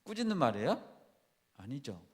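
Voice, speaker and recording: A man's voice: mid-range voice, big pitch swings, normal speed. A man preaching a sermon as a pastor, often asking his congregation questions and acting out quoted lines with rising intensity. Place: church sanctuary. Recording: long reverb of a church hall.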